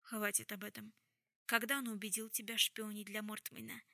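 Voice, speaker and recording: A woman's voice: mid-range voice, fairly even intonation, moderate pace, bright, forceful tone, dry recording, clean studio sound. A woman reading an audiobook, voicing a stern, composed woman who speaks in a cold, level way.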